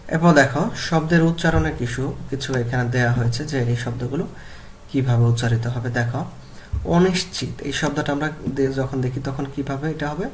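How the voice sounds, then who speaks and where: A man teaching a lesson, reading a story aloud and then explaining words and repeating them slowly to model their pronunciation. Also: medium pitch, fairly even intonation, slight background noise.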